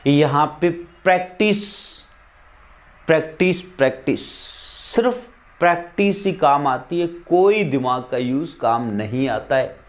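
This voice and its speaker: A man's voice: a little high, measured pace. A man teaching an English lesson, drilling examples over and over and asking rhetorical questions. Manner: spells out words letter by letter.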